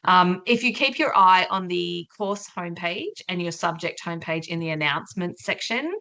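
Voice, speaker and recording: A woman's voice: on the low side, lively intonation, normal speed, bright, forceful tone. An Australian woman lecturer running an online orientation session in a chatty, informal way over a video call. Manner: chatty, friendly, loose and informal.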